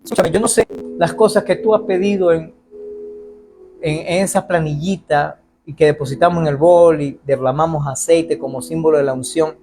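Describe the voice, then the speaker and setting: A man preaching a sermon as pastor in a church, animated and acting out the voices of people he quotes. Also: on the high side, moderate pace, music in the background.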